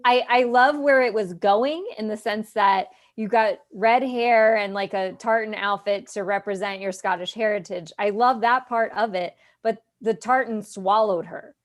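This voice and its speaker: A woman on a recap panel, giving measured, analytical critique. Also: mid-range voice. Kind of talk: casual recap chat.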